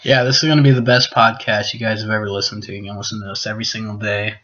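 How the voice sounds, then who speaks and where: A man's voice: on the low side, flat delivery, racing, sharp tone, slight background noise. A young man from the US Midwest co-hosting a casual podcast, laid-back and saying "man" a lot. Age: young adult. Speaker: podcast co-host. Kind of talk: casual chat. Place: apartment living room. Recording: dull lo-fi home recording.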